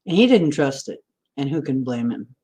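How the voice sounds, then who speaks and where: A woman in her sixties rambles through a livestream, replying to viewer comments as she goes. Her bass voice is dark and husky with big pitch swings, delivered at normal speed.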